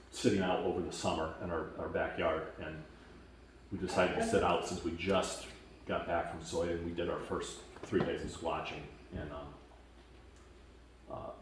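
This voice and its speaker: A man from Washington state gives a camp testimonial as casual, halting storytelling with many fillers, growing lively as he retells events. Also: sits low. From Washington state, USA. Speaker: camp attendee giving a testimonial. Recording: very echoey, distant mic, faint noise.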